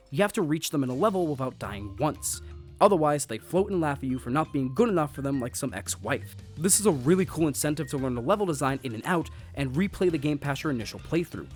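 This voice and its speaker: Lively sarcastic male game reviewer. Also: a little high. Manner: sarcastic, jokey asides. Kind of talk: scripted game review voice-over. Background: faint background music.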